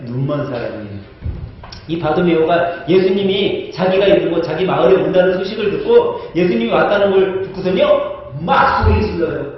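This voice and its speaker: Animated high-voiced male pastor preaching. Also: brisk, slight background noise. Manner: animated, conversational, asks the congregation questions. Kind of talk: sermon. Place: church sanctuary. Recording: echoey church hall, distant mic, dull.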